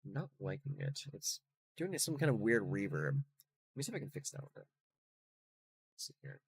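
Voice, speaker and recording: A chatty man with a lively, bouncing voice thinks aloud through a casual card review. A faulty microphone smears a heavy reverb over every word. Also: mid-range voice, moderate pace, gravelly, slightly rough.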